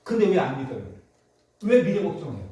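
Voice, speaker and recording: A man preaches a Sunday sermon, driving his points home with repeated questions. His voice sits high and swings widely in pitch. The recording is distant and washed in heavy church reverb. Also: big pitch swings, fairly quick, warm tone. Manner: preaching with rhetorical questions, emphatic repetition. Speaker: pastor. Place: church sanctuary. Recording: echoey church hall, distant mic.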